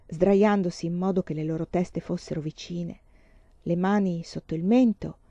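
A woman reading a novel aloud in a calm and measured way. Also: fairly low pitch, no echo. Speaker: audiobook reader. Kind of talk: literary audiobook narration. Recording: dull lo-fi, dry.

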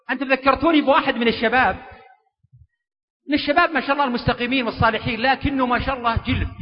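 A man giving a lively, joking religious lecture and drawing in a hall audience. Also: very high-pitched. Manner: animated, joking, coaxing the audience. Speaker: preacher giving a public lecture. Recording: dull, echoey lecture hall recording.

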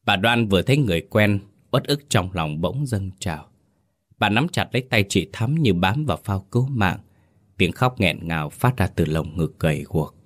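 A man with a very deep, low voice narrates a ghost story. His delivery is steady and dramatic. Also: moderate pace.

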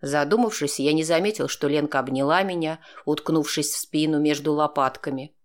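A man narrating a first-person audiobook in a steady, dry, sardonic tone. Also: on the high side, brisk.

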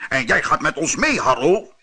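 A man's voice: a little high, very animated, moderate pace, pushed and bright, husky, full character voice. A man voicing a flustered, elderly male chess king in a storybook reading. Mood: startled.

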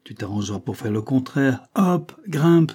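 A man's voice: mid-range voice, moderate pace, warm tone, slightly rough, voice pushed up, close to an everyday voice. A man voicing a brutal, bullying male fairground acrobat master who barks sneering orders. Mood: sneering, furious.

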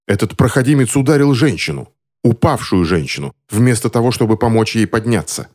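A man voicing a stern, angry stranger in grey who speaks slowly and menacingly. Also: medium pitch, lively intonation, a little mellow, pitched above the performer's own voice, natural voice. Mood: furious.

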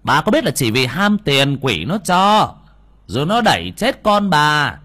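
A man's voice: on the low side, very animated, a little fast, darkish tone, husky. A man voicing a short-tempered young exorcist who scolds bluntly. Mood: scolding.

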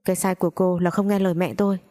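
A woman's voice: fairly low pitch, level tone, rapid-fire, dark tone, close to an everyday voice. A woman voicing a harsh, commanding young husband who turns violent, in a storybook reading. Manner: curt, commanding.

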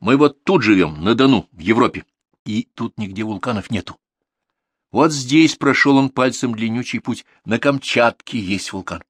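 A man's voice: mid-range voice, animated, moderate pace, slightly rough, no room sound, clean studio sound. A man voicing a lecturing, insistent schoolboy grandson in an audiobook. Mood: explaining. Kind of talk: audiobook character reading.

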